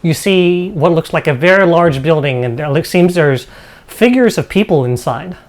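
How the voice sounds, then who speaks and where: A man running a tabletop game as dungeon master, narrating with halting pauses. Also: on the high side, expressive. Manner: halting, fixing game settings mid-scene.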